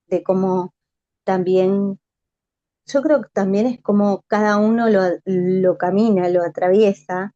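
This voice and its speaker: Slow, dark-voiced woman co-host. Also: mid-range voice, dry recording. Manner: measured, thinking aloud. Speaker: podcast co-host. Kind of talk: casual conversation. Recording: dull, dry sound.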